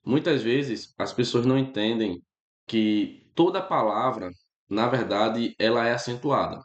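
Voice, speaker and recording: A man's voice: medium pitch, measured pace, echoey room, lo-fi sound. A man with a Brazilian Portuguese accent teaches a grammar class in a loose, chatty way. He checks in with his students after almost every point. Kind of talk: casual spoken grammar lesson.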